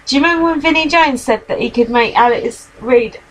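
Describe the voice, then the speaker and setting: A woman's voice: sits high, brisk, rough recording. A woman co-hosting a casual podcast from home, recapping with plenty of swearing and laughter. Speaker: podcast co-host. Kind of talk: casual chat. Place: home, with a cat.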